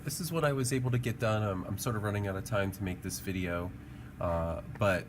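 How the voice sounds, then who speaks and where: A man with a fairly low voice speaks briskly while leading a casual drawing tutorial. As an art teacher, he thinks aloud in an informal, encouraging, musing way. Background noise is clearly audible in the recording.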